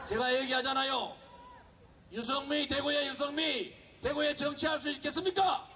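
Guy yelling a fired-up rally speech outdoors, really high strained voice, faint crowd behind. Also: a little hiss or hum. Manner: shouting, fervent, exhorting the crowd. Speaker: political rally speaker. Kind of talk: fiery political rally speech.

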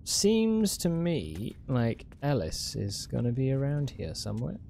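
A man's voice: mid-range voice, wildly swooping pitch, measured pace, gravelly, mellow, slight background noise. A young man giving casual, playful let's play commentary into a close desk microphone, often muttering and repeating words. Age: young adult. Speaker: video game streamer. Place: indoor home room, webcam setup. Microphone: close desk microphone with headset.

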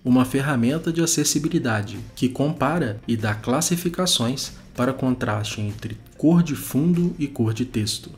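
A man hosting a web development show, giving steady scripted narration over a screencast of tools. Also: mid-range voice, moderate pace, few pauses, faint music behind. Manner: steady, explanatory, informative.

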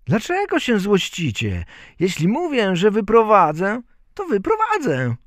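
A man voicing a tiny, cheeky peasant boy from a folk tale, talking in a shrill, pert voice. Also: wildly swooping pitch, a little slow, dry recording, clean studio sound, heavily acted. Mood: pert, eager.

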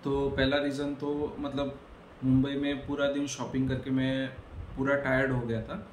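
A young man from Goa, a travel vlogger, calmly explaining to the camera from a small room indoors. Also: medium pitch, echoey room, slight background noise, poor audio. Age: young adult. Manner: calm, explaining and apologetic.

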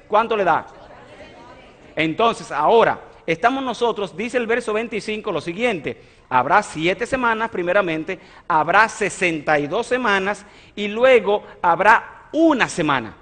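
Emphatic pastor in his thirties, high voice. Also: a bit bright, in a large hall. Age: 30s. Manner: emphatic, asks the congregation questions and answers them. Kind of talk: sermon. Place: large church hall with a stage and audience. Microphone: stage mic at a lectern, filmed by broadcast cameras.

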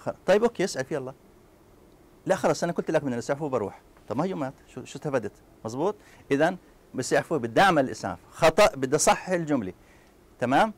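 Man, Palestinian Arabic accent, university lecturer, rapid delivery, lively classroom asides. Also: fairly high pitch. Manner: lively, talks to students with quick asides and mock scenes.

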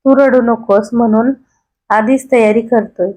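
A woman voicing a calm, gravely ill young man who speaks softly and tenderly in a storybook reading. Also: fairly high pitch. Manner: soft, slow and tender.

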